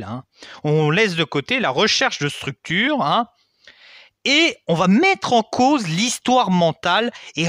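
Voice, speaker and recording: Young male history host, high animated voice, conversational lesson delivery, dry close sound. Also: no room sound. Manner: chatty, frequent "hein" and asides. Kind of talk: casual educational explainer.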